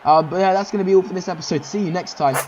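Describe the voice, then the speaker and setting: Excitable high-voiced man calling a race. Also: racing, muffled recording, slight background noise. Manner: excitable, rambling, frequent "um" fillers. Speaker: race commentator and series host. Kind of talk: casual sim-racing commentary.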